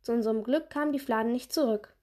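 A woman's voice: a little high, fast, warm tone. A woman reading a children's novel aloud steadily, with small slips and restarts. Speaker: podcast reader.

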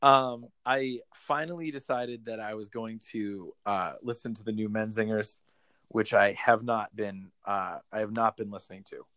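A man's voice: on the low side, fairly even intonation, moderate pace, fairly bright tone, no echo. A young man chatting casually from his bedroom at home, rambling, swearing freely and laughing often. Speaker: musician guest. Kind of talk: casual podcast chat.

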